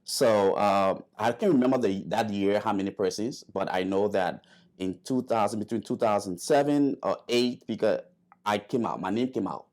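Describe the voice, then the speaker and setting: A man's voice: lowish voice, moderate pace, a little mellow. A man, a guest telling his story in an interview, hesitant with many fillers and restarts. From Liberia. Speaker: guest, airman.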